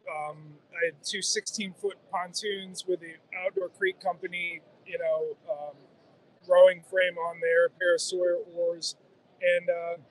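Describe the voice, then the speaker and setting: A man's voice: sits high, little pitch movement, measured pace, slight background noise. A man in his forties explaining kayak gear with enthusiasm, interviewed on a phone in a busy convention hall. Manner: enthusiastic, explanatory, gestures while talking. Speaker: guest kayak angler. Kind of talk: casual trade-show interview. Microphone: handheld phone held by interviewer.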